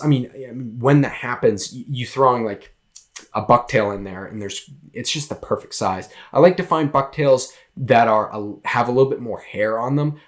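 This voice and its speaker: A young man with a Massachusetts accent hosting a casual solo podcast, rambling with many fillers and restarts. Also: on the low side. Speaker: podcast host.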